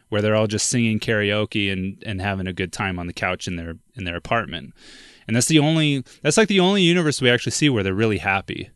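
Young dude rambling casually on a movie podcast, says like and dude a lot, dead dry sound. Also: male voice, fairly low pitch, a bit bright, smooth, no room sound. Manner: chatty, lots of "like" and "dude", laughs often. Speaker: podcast co-host. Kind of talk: casual film discussion chat.

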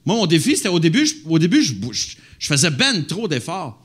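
A man's voice: a little high, sing-song, a little fast, slightly rough. A man with a Québécois accent, a comedian telling stage anecdotes in casual chat and swearing lightly. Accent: Québécois French. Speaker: comedian guest.

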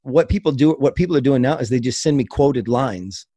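A man's voice: mid-range voice, brisk, husky, no room sound. A man guesting on a podcast, chatting casually and telling a story with lots of laughter. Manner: laughs often, animated storytelling. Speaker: podcast guest, host of another podcast. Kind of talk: casual chat.

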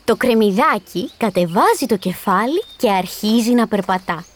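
A woman narrating a rhyming children's story in an expressive, sing-song way. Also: mid-range voice.

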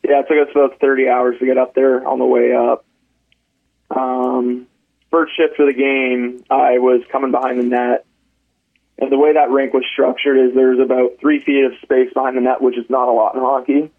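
Gravelly young man on a phone line. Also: medium pitch, normal speed. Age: 20s. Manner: relaxed, frequent "um" and restarts. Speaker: guest, college hockey player. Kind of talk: casual podcast storytelling. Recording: phone-like narrow band.

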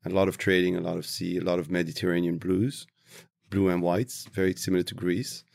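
A low, gravelly man from Tunisia speaks as an interview guest. He is reflective and unhurried, pausing to search for his words. The recording is dry and close. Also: fairly even intonation, a little mellow, no room sound. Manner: thoughtful, slow, searching for words. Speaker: interview guest, travel industry professional.

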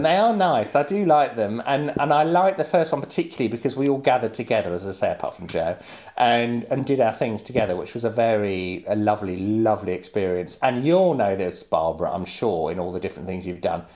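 A male guest in easy conversation, his voice rising and falling a lot as he tells anecdotes. He laughs often and slips into quick impressions of other people mid-story. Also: medium pitch, lively intonation, darkish tone. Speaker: guest, actor and comedian. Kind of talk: casual chat.

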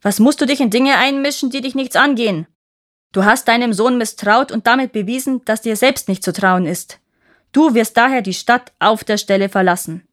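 A woman voicing an ugly, fearsome male spirit dwarf who shouts and scolds. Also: fairly high pitch, fairly even intonation, moderate pace, hardly any pauses, clean tone. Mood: scolding.

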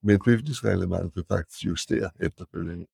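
An older man with a very low, gravelly voice tells anecdotes as a guest, pausing and searching for his words. The sound is dry and close, with no room around it. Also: dark tone, no room sound. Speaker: guest architect. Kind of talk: anecdotal podcast storytelling.

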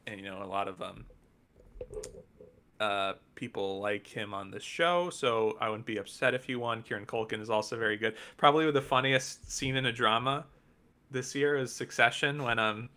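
A man's voice: mid-range voice, normal speed, pushed and bright. A man co-hosting a casual chat about TV awards, wry and offhand, trailing off with ums. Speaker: podcast co-host.

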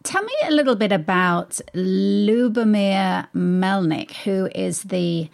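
Woman, radio host, gravelly edge, curious questions. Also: mid-range voice, takes it slowly. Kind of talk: radio interview.

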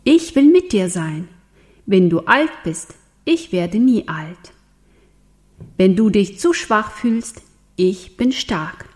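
A woman voicing God as an almighty male figure in a children's Bible story, speaking in solemn, measured commands. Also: medium pitch, expressive, darkish tone. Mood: reassuring.

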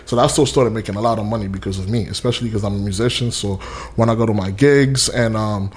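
A young man from Haiti tells his story in a relaxed interview. His voice sits fairly low, and he rambles with plenty of fillers and restarts. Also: quick pace, slightly rough. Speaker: interview guest, custom suit maker. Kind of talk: casual interview.

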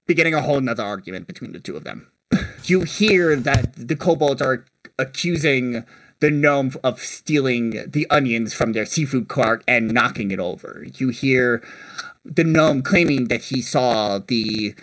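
Brief: man, game master, expressive narration, dry mic. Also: medium pitch, normal speed, dry recording, poor audio. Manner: animated, laughing narration. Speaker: dungeon master.

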